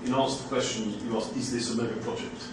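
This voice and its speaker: A man, a university lecturer, making a measured, hesitant comment from the audience at a seminar in a small room. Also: medium pitch, steady tone. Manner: measured, hesitant with many ums. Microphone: far room camera mic. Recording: echoey room from far off, background hiss.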